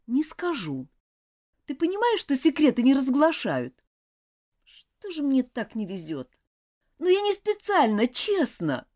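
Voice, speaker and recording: A woman voicing an earnest, kind and stubborn schoolgirl who talks high and eagerly in a storybook reading. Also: huge pitch swings, unhurried, long pauses, a little mellow, full character voice. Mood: pleading.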